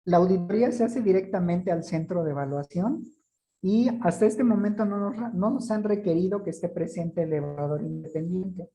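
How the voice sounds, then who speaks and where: Dark-voiced woman answering formally. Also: fairly low pitch, soft background music, low-quality recording. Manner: formal, explanatory, measured. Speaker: certification body representative. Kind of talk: online meeting Q&A answers.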